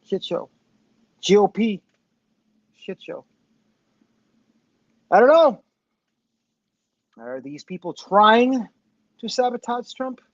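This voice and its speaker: With a high-sitting, animated voice, a man in his fifties takes it slowly and leaves long pauses while hosting a casual commentary livestream. He rambles, swears and runs himself down. His Bluetooth headphone mic gives a dull, tinny, dry recording.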